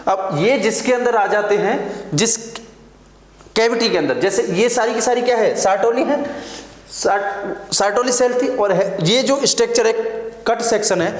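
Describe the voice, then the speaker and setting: A man's voice: sits high, a little slow. A man teaching a nursing exam class, lecturing at the board and drilling terms by asking and answering his own questions. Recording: echoey classroom.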